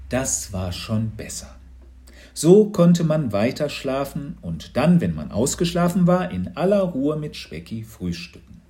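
A man reading a children's storybook aloud in a lively, expressive manner. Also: medium pitch. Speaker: narrator.

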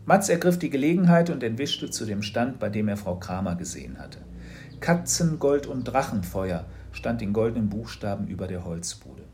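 A man narrating a children's audiobook in an expressive storytelling manner. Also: fairly low pitch, brisk, few pauses, a little hiss or hum.

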